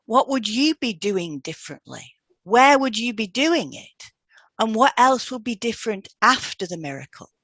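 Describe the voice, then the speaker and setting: Very animated and fairly bright in tone, this woman's voice sits on the high side and moves at a moderate pace with no room sound. She's a podcast co-host and hypnotherapy trainer reading scripted educational dialogue aloud, explaining in an instructive manner.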